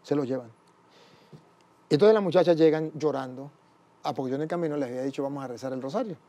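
A man's voice: a little high, fast talker, mellow. A man, a priest, telling his life story in an interview, acting out the dialogue as he goes. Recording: dull, muffled sound.

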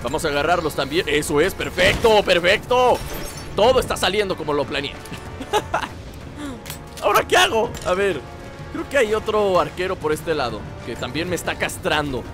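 A young man giving excitable let's play commentary, cheering on the game character and repeating words in quick bursts. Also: sits high, music in the background. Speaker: gaming channel host.

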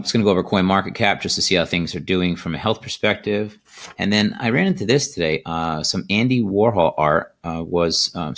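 A middle-aged man with a very low voice hosts an easygoing video from his desk. He rambles loosely, pausing often on "uh" and "um." The sound comes through a plain computer microphone. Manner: relaxed, rambling, filler-heavy. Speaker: crypto video host. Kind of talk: casual market commentary. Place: indoors at a desk.

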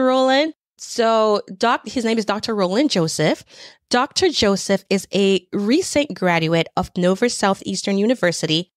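A woman podcast host with a mid-pitched voice. She speaks in an introductory hosting style, recorded close and dry with no room sound. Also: dry recording. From a Caribbean island.

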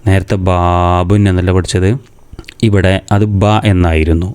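Low, mellow-voiced man teaching slowly. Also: level tone, clear, resonant tone. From Kerala, India. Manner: patient, asks questions and answers them himself; says sounds slowly and repeats them. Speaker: madrasa teacher. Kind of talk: step-by-step reading lesson.

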